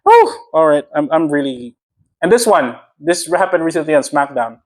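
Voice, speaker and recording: High-voiced, heated Filipino man. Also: sing-song. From Philippines. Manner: heated, emphatic, quick to laugh. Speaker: podcast co-host. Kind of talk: casual chat.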